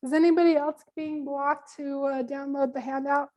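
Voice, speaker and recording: A woman's voice: high voice, little pitch movement, normal speed, darkish tone. A woman presenting a live business workshop online, chatty and loose with lots of ums, losing her voice. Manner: casual, many ums, friendly instructions.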